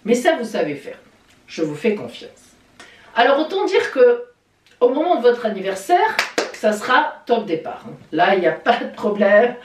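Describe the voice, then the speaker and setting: A woman astrologer giving a weekly horoscope in a lively, chatty way, with playful exclamations. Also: a little high, normal speed, a little hiss or hum. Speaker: astrologer and psychic. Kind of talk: weekly horoscope video talk. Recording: echoey room, voice a bit distant from the mic.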